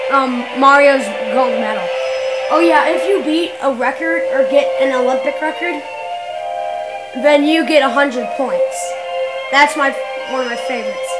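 A woman's voice: high voice, poor audio. A woman giving casual, rambling commentary on her own gameplay, often restarting and correcting herself mid-sentence. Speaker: gameplay video maker. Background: loud video game music.

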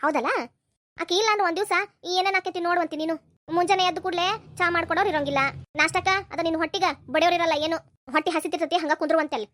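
A woman's voice: very high-pitched, steady tone, fast, a bit bright, dry recording. A woman voicing a stern, outspoken old grandmother in a cartoon, scolding bluntly in a North Karnataka Kannada accent. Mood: commanding. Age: older. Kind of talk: cartoon voice acting.

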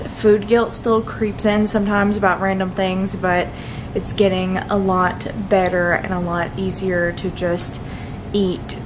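A woman's voice: medium pitch, background noise. Chatty young woman vlogging at home. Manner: chatty, upbeat, laughs often. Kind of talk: casual chat to camera. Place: home kitchen, indoors.

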